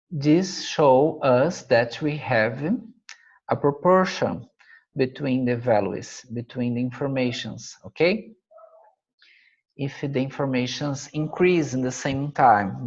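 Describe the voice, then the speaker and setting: A native Portuguese speaker from Brazil gives a slide-based math lesson in English, halting and searching for words, with lots of fillers and a Brazilian Portuguese accent. His voice sits at medium pitch, and the sound is lo-fi.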